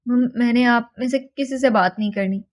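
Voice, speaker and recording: A woman's voice: fairly high pitch, close to an everyday voice. A woman voicing a stubborn, frightened young woman held captive, pleading and defiant by turns.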